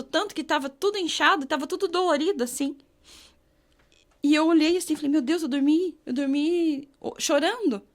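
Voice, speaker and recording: A woman from Brazil earnestly telling a personal faith testimony, slowing down when she reads scripture aloud. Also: high voice. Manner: earnest, emotional storytelling, slows to read scripture. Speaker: guest sharing her testimony.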